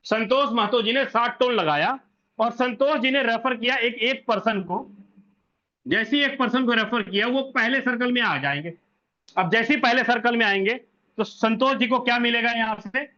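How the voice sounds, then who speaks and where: A man's voice: extremely high pitch, sharp tone, muffled recording. A man walking listeners through a business plan, repeating points and answering his own questions. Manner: repetitive, asks questions and answers them himself; corrects himself mid-sentence. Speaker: presenter explaining a business plan. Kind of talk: explanatory walkthrough to an online audience.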